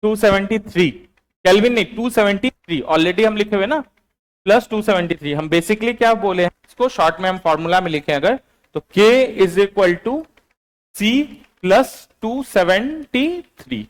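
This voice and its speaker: A male teacher, giving a classroom lecture. He dictates notes slowly and repeats them, then quizzes his online students. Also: high-pitched. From Bihar, India.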